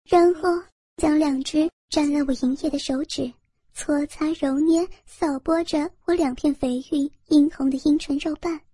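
A woman narrating a first-person story in a steady, intimate reading voice. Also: high-pitched, normal speed, no echo, clean studio sound.

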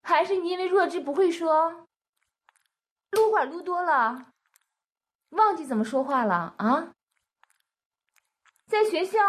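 A woman's voice: high voice, a bit bright, exaggerated voice. A woman playing a scornful, foul-mouthed dominatrix in an adult role-play recording, speaking in a harsh, taunting manner and firing the same questions again and again. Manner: harsh, taunting, swears a lot, repeats questions.

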